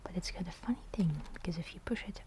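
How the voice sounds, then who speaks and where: A woman's voice: lowish voice, animated, quick pace, darkish tone. A woman whispering through an ASMR show-and-tell of a camera, hesitant and often searching for the right word. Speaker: ASMR host.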